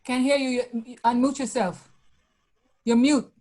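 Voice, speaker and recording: A woman moderating a webinar, quietly thanking speakers and introducing the next one over a video call. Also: fairly high pitch, steady tone, a little slow. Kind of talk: hosting announcements.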